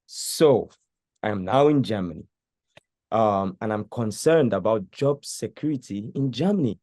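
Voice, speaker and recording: Mellow-voiced man asking a question. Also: lowish voice, expressive, a little slow, dry recording, clean studio sound. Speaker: question asker.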